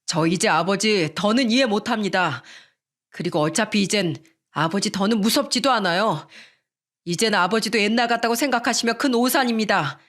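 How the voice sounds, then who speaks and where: A woman reading a grown son standing up to his father, firm and measured. Reproachful and unhurried, an everyday middle pitch in a storybook radio drama. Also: a bit bright, natural voice.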